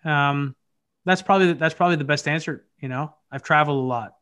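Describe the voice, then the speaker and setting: Brief: a somewhat higher-voiced American man, searching and reflective, video call interview. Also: a little fast, a bit bright. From United States. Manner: thoughtful, searching, frequent restarts. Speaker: podcast host appearing as guest. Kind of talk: casual interview conversation.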